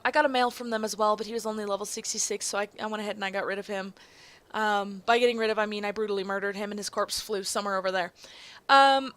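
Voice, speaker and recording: A woman's voice: medium pitch, fairly bright tone. A woman giving rambling, casual gameplay commentary, full of fillers and self-corrections, with some casual swearing. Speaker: gaming video host.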